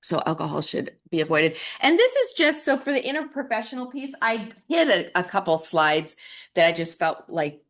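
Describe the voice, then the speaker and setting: A woman's voice: mid-range voice, very animated, moderate pace, a bit bright. A woman teaching dental hygiene in a conversational lecture style, with frequent fillers and restarts. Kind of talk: recorded classroom lecture.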